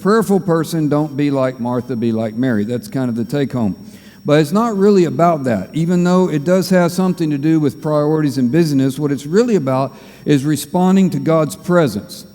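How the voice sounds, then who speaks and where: A man preaches from the front of a church, spinning folksy jokes in a rambling storyteller's way. His voice sits fairly high yet sounds mellow and soft-edged. Long reverb from the sanctuary trails after every line. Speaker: pastor. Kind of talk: sermon with jokes.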